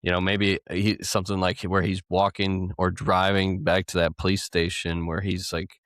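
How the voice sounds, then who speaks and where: Young male podcast co-host, very deep voice, rambling and laid-back, dry close sound. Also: flat delivery, moderate pace, a bit bright, no room sound. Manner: rambling, laughs between thoughts. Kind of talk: casual gaming podcast chat.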